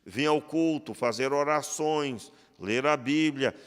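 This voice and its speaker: A man's voice: on the high side, slow pace, clear, resonant tone. A Brazilian pastor with a Rio de Janeiro accent preaching a conversational sermon, acting out quoted dialogue and putting questions to his congregation. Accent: Brazilian Portuguese, Rio de Janeiro. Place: church hall. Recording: long reverb of a church hall.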